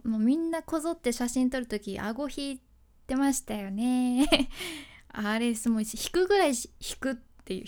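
A woman's voice: high voice, a little mellow. A woman hosting a casual solo talk on speaking tips, speaking with a Kyushu dialect, chatty, laughing often and mixing polite speech with dialect. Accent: Kyushu dialect (Hakata-ben). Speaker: freelance announcer, podcast host.

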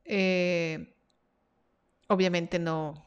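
A woman's voice: fairly low pitch, level tone, extremely slow, clean tone, lo-fi sound. A woman hosting a live stream Q&A about her freelance workshop, reading viewer comments aloud in a chatty, encouraging way.

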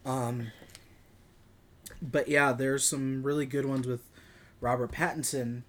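Male film podcast co-host, average pitch, conversational, halting while hunting for details. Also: little pitch movement, a bit bright. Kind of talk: casual film discussion.

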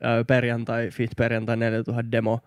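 A podcast co-host talks casually into a close studio mic, boisterous, swearing freely and bursting into high whoops. His delivery is completely flat and smooth, with no echo.

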